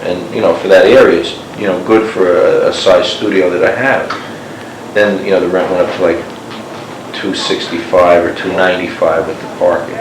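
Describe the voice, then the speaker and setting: A man's voice: low-pitched, level tone, moderate pace. A man being interviewed on an old cassette tape, talking in a meandering way full of "you know" and "like". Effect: old cassette tape recording. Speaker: interviewee, former neighbor. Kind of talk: rambling recorded interview. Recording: hissy echoey cassette tape.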